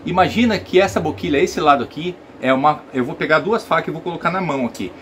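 A man's voice: fairly high pitch, quick pace, a bit bright, slight background noise. A Brazilian man giving a casual saxophone lesson, explaining step by step and checking that viewers follow. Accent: Brazilian Portuguese. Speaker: saxophone teacher.

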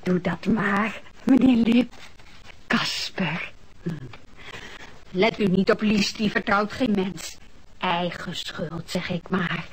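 A woman's voice: medium pitch, slow, long pauses, slight background noise, natural voice, poor audio. An actress playing Thea, a chatty, trusting elderly woman who rambles naively in a radio play.

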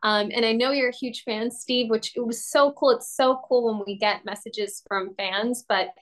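A young woman who grew up in Latin America, an actor talking as a guest in a casual video-call interview, lively and expressive, laughing often. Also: fairly high pitch, moderate pace. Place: home room, indoors.

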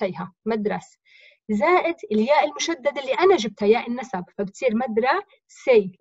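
A woman's voice: on the high side, slightly rough, no room sound, muffled recording. A woman teacher with a Levantine accent, explaining grammar step by step by asking and answering her own questions in a recorded lesson. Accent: Levantine Arabic. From Jordan.

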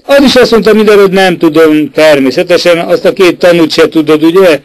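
A man playing a cunning, mocking rich older gentleman who questions others sly and insistent. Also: a little high, steady tone, no echo, lightly acted, poor audio.

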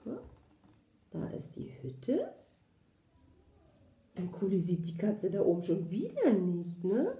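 German kindergarten teacher reading to kids, gentle, lively pitch, roomy room sound. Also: female voice, slow pace, long pauses. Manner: gentle, addresses children with questions. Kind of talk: children's story reading. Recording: roomy echo.

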